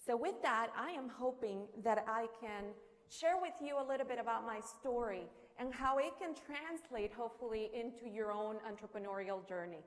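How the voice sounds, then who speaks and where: Lady giving a keynote, high voice, big hall echo, chatty storytelling, asks the crowd questions. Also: moderate pace. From Colombia. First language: Spanish. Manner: animated storytelling with rhetorical questions and humor. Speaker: keynote speaker. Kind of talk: conference keynote speech. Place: conference hall. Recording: long hall reverb.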